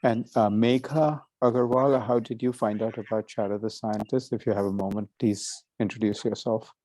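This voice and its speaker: A man's voice: fairly low pitch, fairly even intonation, moderate pace, warm tone, rough recording. A man hosting a casual science conference call, speaking politely and asking participants questions. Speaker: session host and astronomer.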